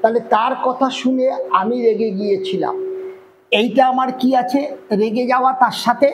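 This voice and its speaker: A man teaching an online grammar lesson with a Bengali accent, explaining step by step and often checking whether the point is clear. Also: very high-pitched, fairly even intonation, moderate pace, a little hiss or hum, low-quality recording.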